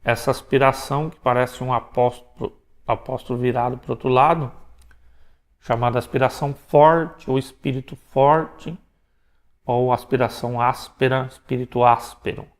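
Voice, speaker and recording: A man from Brazil teaching Greek pronunciation in a recorded lecture, explaining step by step and checking in with quick tag questions. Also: mid-range voice, fairly even intonation.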